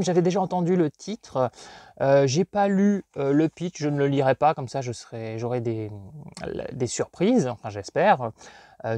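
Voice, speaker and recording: A man's voice: mid-range voice, mellow, no room sound. Rambling man with a dry sound. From northern France. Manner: rambling, digressive, hesitant with many fillers. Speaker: collector vlogger. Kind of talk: casual chat.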